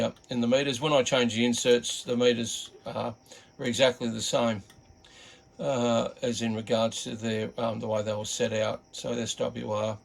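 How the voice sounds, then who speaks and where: A middle-aged or older Australian man, a hobbyist radio reviewer, gives an unscripted product walkthrough in a laid-back, halting, rambling way. His voice is gravelly and medium in pitch.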